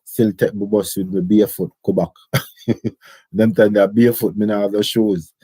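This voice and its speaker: Husky low-voiced Jamaican man. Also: little pitch movement, moderate pace, mellow, no room sound. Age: middle-aged. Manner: rambling, patois-heavy storytelling. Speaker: storyteller recounting his life. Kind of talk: casual autobiographical chat.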